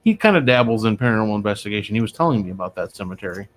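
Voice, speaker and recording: Racing along with lively intonation in a fairly low-pitched voice, a man hosts a casual paranormal talk show in a small studio. He rambles with plenty of fillers and restarts, recorded on a studio microphone.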